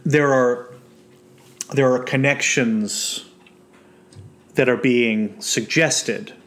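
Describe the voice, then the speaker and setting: A man co-hosting a podcast in a mid-pitched voice. He talks slowly and deliberately, pausing on fillers as he works out his point. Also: a bit bright. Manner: deliberate, hesitant, many fillers. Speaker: podcast co-host. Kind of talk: casual chat.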